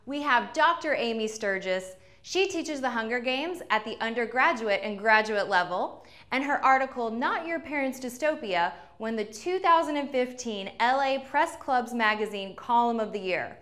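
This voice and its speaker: A woman's voice: fairly high pitch, expressive, moderate pace, few pauses, fairly bright tone. A young adult woman hosting a fan trivia game show with upbeat enthusiasm. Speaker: host.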